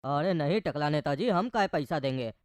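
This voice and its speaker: A woman voicing a sly male resort owner in a cartoon, speaking in a slow, low drawl. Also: lively intonation, darkish tone, no room sound. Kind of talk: cartoon voice acting.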